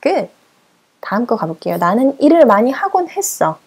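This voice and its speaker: A woman English teacher with a fairly high but mellow, warm voice. She gives short drill prompts and countdowns. She repeats each model sentence slowly and clearly. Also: sing-song. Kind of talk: language lesson with drills.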